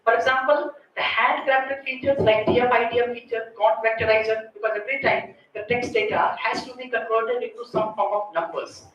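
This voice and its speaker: Talking a little fast with few pauses, a woman with a rather high voice, fairly even intonation, and an Indian accent explains technical material step by step at a conference. Short checks like "right?" and "okay" often cap her points. The far-off mic, very echoey room, faint noise, and missing highs mark the recording.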